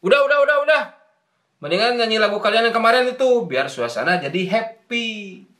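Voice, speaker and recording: A man's voice: sits high, fairly quick, bright, forceful tone. A man with a Sundanese accent voicing a bossy middle-aged male village official in a motion comic, scolding and giving orders. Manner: scolding, commanding.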